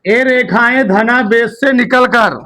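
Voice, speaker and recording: A male teacher giving a classroom lesson, dictating notes slowly with repeated key words and firing quick check questions at his students. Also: extremely high pitch, pushed and bright, low-quality recording.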